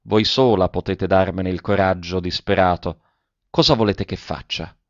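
A man's voice: low voice, normal speed, no room sound, muffled recording. A man voicing an anxious young lover in a read-aloud novel, pleading urgently with a trembling voice.

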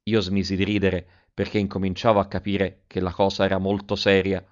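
A man narrating a first-person story in an expressive reading voice, acting out the quoted lines. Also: low voice, brisk, lo-fi sound. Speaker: audiobook narrator.

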